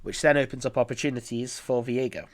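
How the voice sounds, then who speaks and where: Here a male esports caster talks fast through live game commentary, alone on his streaming mic. His pitch is medium and his intonation fairly even, and his delivery is chatty and rambling with many fillers.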